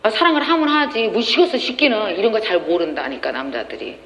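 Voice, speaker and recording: A woman giving a lively lecture, telling stories and acting out quoted dialogue with frequent laughter. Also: mid-range voice, fast talker. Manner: animated, acts out quoted dialogue, laughs often. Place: lecture hall. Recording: echoey hall with faint noise.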